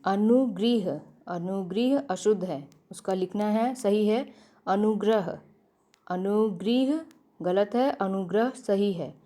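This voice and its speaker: Slow, mellow-voiced woman teaching grammar. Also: mid-range voice. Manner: slow, repeats each word twice, corrects her own slips. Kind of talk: exam-prep grammar lesson read from notes.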